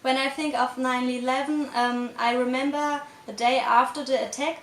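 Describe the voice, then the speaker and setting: A woman in her twenties with a German accent, recalling a childhood memory in English, softly and hesitantly. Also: high-pitched, fairly even intonation, normal speed, a little hiss or hum. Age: 20s. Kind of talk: personal recollection. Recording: echoey room.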